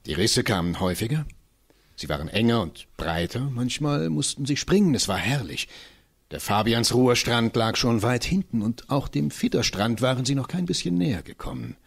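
A man's voice: mid-range voice, very animated, moderate pace, gravelly, husky. A man reading literary prose aloud in a staged reading, telling it dramatically and expressively. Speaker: reader.

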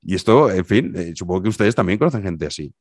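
A man's voice: low-pitched, fast talker, dry recording, clean studio sound. A man with an accent from Spain, hosting a podcast and telling his listeners an anecdote in a casual monologue, acting out the lines of the people in it. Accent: Spanish from Spain. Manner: animated storytelling, acting out dialogue. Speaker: podcast host.

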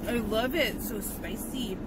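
A woman with a slightly high voice chats slowly through a mouthful of food, chewing as she talks. She sounds relaxed and chatty in a casual eating vlog. Loud traffic noise surrounds her, and she sits a little back from the mic. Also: recorded from a distance. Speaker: food vlogger.

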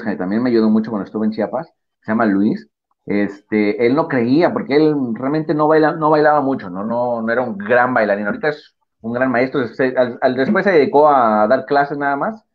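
A man's voice: medium pitch, normal speed, faint music behind. A man, a salsa dancer, telling a long story as a guest on a live-stream interview over video call, with lots of fillers. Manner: rambling, storytelling with many fillers. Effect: lo-fi video call audio. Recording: dull lo-fi video call audio.

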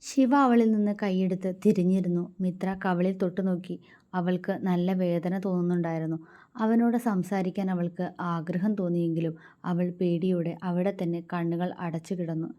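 A woman narrating a romance story aloud in a soft, quiet, even reading voice. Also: fairly low pitch, dull audio.

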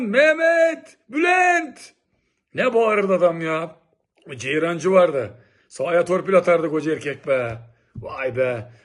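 A middle-aged man from Turkey telling old local stories in a lively, exclamatory, casual way. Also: sits high. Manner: animated, exclamatory, lively storytelling. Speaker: local vlogger reminiscing. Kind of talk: casual nostalgic monologue.

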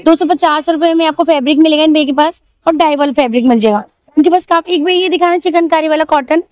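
A shopping vlogger chats her way around an outdoor street market, phone in hand, saying each price again for viewers. Her voice sits high with a darkish tone, and she talks fast.

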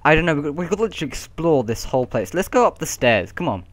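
A man's voice: fairly high pitch, sing-song, fast talker. A young man giving casual, playful commentary while playing a game with a friend, humming and yelping as he goes. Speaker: gamer.

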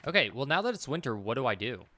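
Streaming from a computer indoors, this man in his thirties mutters through casual gameplay commentary, repeating himself and hesitantly thinking aloud. He speaks fast, in a mid-range voice with big pitch swings and a sharp tone.

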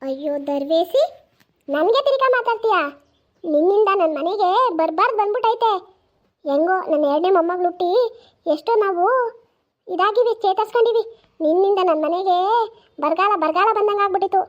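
A woman voicing a shrill, cursing old village grandmother in a cartoon, with a North Karnataka Kannada accent. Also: animated, very fast, hardly any pauses, muffled recording. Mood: scolding. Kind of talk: cartoon voice acting.

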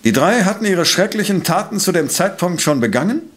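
An actor playing a coolly precise professor-detective in a radio play, questioning in a formal, probing way. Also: male voice, high-pitched, very animated, fairly quick. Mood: analytical. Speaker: voice actor in audio drama.

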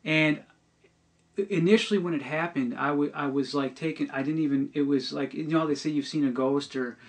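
A middle-aged man telling a personal testimony on a podcast, earnest and halting, often restarting and repeating words. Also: a little high, fairly even intonation.

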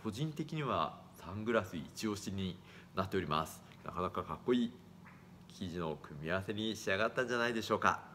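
A man's voice: brisk, slight background noise. A man in his thirties, an eyewear shop worker, giving a formal, courteous product presentation into a phone camera in a small shop. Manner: formal, courteous, lively rises in pitch. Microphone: phone camera at arm's length.

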